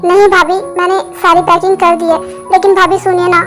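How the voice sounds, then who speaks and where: A woman's voice: very high-pitched, level tone, brisk. A woman voicing a worried young husband who pleads and scolds, in a Hindi fan dub. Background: background music.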